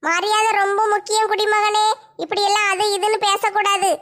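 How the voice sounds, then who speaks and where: In a comedy skit, a woman plays a possessed villager strutting about as a self-crowned king. Her very high, fairly bright voice is delivered flatly, dragging words out in a slow, pompous, demanding way.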